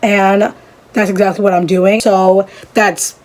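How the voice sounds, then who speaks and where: A young woman vlogging casually while doing her makeup, rambling and chatty, leaning on "literally" and "like" and speeding up in quick bursts. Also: medium pitch, little pitch movement, darkish tone. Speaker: beauty vlogger. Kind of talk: casual chat over a makeup tutorial.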